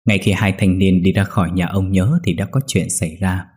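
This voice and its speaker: Low husky man narrating a ghost story. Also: steady tone, moderate pace, a little mellow.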